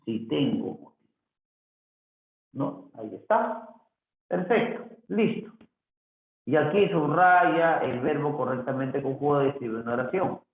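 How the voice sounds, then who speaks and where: A man teaching a grammar review lesson, slowly reading answers aloud and repeating them for the student. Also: medium pitch. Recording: echoey, phone-like lo-fi audio.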